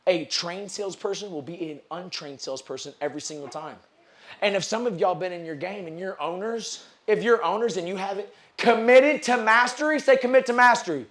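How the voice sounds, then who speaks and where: A man giving a motivational sales seminar speech in a hall, preaching and calling out to the audience. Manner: high-energy, preachy, calls out to the audience. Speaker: sales speaker.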